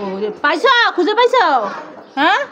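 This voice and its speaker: A mother playing pretend games with her children in an animated, coaxing, scolding way. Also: extremely high pitch, moderate pace, some chatter behind. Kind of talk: playful pretend play with children. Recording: noisy home recording.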